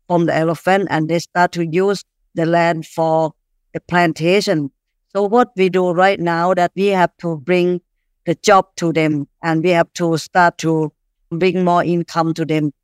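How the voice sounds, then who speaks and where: A woman from Thailand with a Thai accent, answering interview questions as an activist in halting, non-fluent English. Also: on the low side, fairly even intonation, clear, resonant tone, no room sound, studio quality. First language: not English. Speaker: animal rights activist, interview guest.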